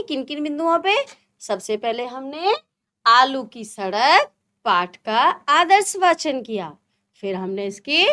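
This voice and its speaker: Woman, primary teacher, high voice, slow unhurried pace, asks and answers her own questions. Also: fairly bright tone. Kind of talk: children's lesson, explaining a textbook.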